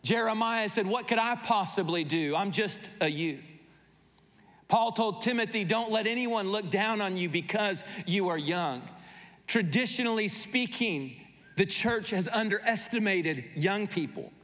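High-voiced pastor guy preaching hard into a handheld mic, big church hall with long echo. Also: lively intonation, a little slow, a bit bright. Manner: impassioned, emphatic preaching with repeated phrases. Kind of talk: sermon. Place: large church auditorium on stage. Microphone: handheld microphone. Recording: long reverb of a large hall.

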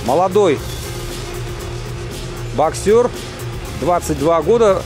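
A man giving live boxing commentary in measured, short phrases with pauses. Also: sits high, lively intonation, over music.

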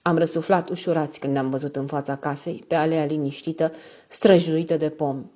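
Female audiobook narrator: steady scripted storytelling, low pitch, dull lo-fi recording.

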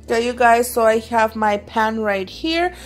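Cooking at home, a young woman chats for her vlog in a slightly high voice at normal speed, alternating English and Spanish. She records on a handheld phone camera, and soft background music is audible.

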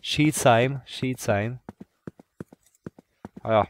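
A man from Sweden commentating a horror game, nervous and jumpy, muttering to himself, repeating phrases and swearing when startled. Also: mid-range voice. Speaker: gamer playing a horror game. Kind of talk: let's play commentary.

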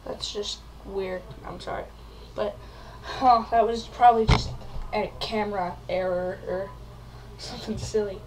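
A woman's voice: mid-range voice, fairly even intonation, unhurried, noisy background. Melodramatic mock-scared woman vlogger. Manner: mock-frightened, melodramatic, repeats words. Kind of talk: comedic vlog.

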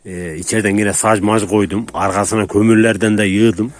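A man's voice: on the low side, steady tone, moderate pace. A man filming his dogs in a rural yard, coaxing and calling them and chatting casually to viewers between chuckles.

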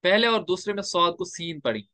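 A man teaching Quran recitation rules in a lecture, explaining step by step and slowing down to recite example verses. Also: high voice, expressive, pushed and bright, no room sound.

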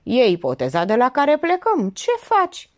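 A woman's voice: on the high side, wildly swooping pitch, voice pushed up. A woman voicing a pompous, theatrical older male notary. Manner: pompous, theatrical, drawn-out emphasis.

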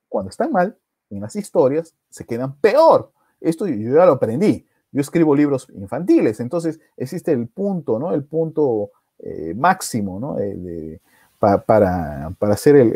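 A man's voice: on the high side, gravelly, mellow, breathy edge, dry recording, studio quality. A man hosting a live stream, retelling a past-life story dramatically, with many rhetorical tags and restarts, greeting viewers.

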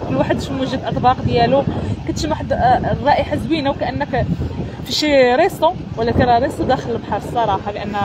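An energetic, chatty woman with a Moroccan Arabic accent gives unscripted live commentary as a field reporter, often repeating herself. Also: high-pitched. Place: outdoors at a seaside beach. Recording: noisy outdoor beach with crowd sounds.

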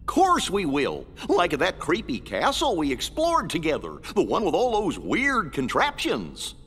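A man voicing Goofy, a dopey, good-natured male cartoon dog who talks slowly and stumbles over words. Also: on the high side, wildly swooping pitch, fairly bright tone, husky, heavily acted. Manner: slow, dim-witted and stammering. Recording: long hall reverb.

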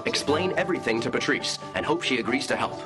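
A smug, cocky schemer, as an actor plays him, walking through his plan step by step in a swooping, lively voice. Music plays clearly behind him. He sounds thoroughly pleased with himself. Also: medium pitch, quick pace, close to an everyday voice. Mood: scheming. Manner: confident, showy step-by-step explaining of a scheme. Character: smug adult man, a cocky schemer laying out seduction plays. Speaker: sitcom character. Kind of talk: scripted sitcom acting.

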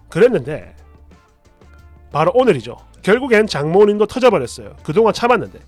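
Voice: medium pitch, dry recording. A storyteller in scripted narration, telling a family story in a chatty, confiding way.

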